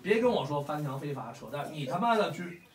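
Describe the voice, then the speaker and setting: This fight fan meetup host, a Beijing man in his forties, has a slightly high voice with lively intonation and a somewhat quick delivery. Addressing the gathered fans, he's blunt, heated, and swears a lot in casual banter. Captured from afar in a reverberant room.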